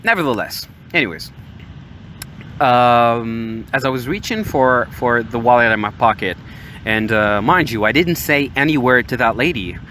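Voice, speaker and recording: Over a constant backdrop of ocean waves, a young podcast host from Morocco, American-accented, recounts casual stories from his life in a tentative way. He speaks at medium pitch and a moderate pace.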